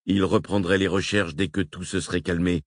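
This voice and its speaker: A man narrating a novel in a steady, measured reading. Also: deep voice, dry recording, clean studio sound. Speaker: audiobook narrator. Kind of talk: scripted narration.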